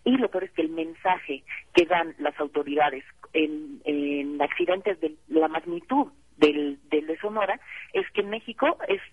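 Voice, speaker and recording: A woman's voice: sits low, animated, unhurried, breathy edge, no room sound. A woman, an environmental campaign coordinator speaking as a phone guest, earnest with many "eh" fillers. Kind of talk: interview over the phone. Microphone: telephone. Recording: tinny phone line.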